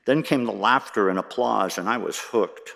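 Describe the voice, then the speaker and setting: A low-voiced man in his sixties speaks as a worship associate, telling a reflection at a church service in a gentle, unhurried way with touches of wry humor. His voice rings out with a long reverb off the walls of a church sanctuary. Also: gravelly.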